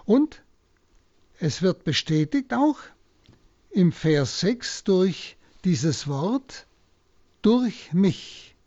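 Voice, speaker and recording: A man, a priest, slowly and deliberately explaining a Bible passage on a radio broadcast. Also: high-pitched, sing-song, darkish tone, no echo, dull audio. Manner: slow, deliberate teaching. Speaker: priest giving a Bible talk.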